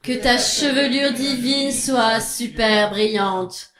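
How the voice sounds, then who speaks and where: A reverent cult follower in a comic radio serial. She chants slowly in a fairly high voice, in a roomy echo with a group audible behind. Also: a crowd in the background. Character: adoring female cult follower in prayer.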